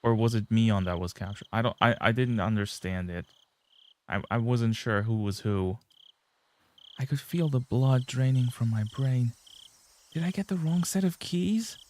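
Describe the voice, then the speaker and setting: A man's voice: mid-range voice, normal speed, pitched below the performer's own voice, close to an everyday voice. A man reading the inner monologue of a panicking teenage girl sneaking through a school, in a tense, frantic voice. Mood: panicked. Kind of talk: reading a visual novel aloud.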